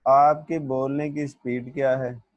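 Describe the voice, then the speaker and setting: In a classroom lecture, a male teacher with a medium-pitched voice and flat delivery reads English definitions slowly, then explains them in Hindi-Urdu. He addresses students as "beta" and checks that they understood; the sound is lo-fi with no echo.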